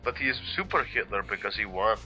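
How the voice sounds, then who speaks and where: A man's voice: fairly low pitch, expressive, quick pace, bright, forceful tone, faint music behind, low-quality recording. A young adult man co-hosting a let's play with joking, sweary casual banter.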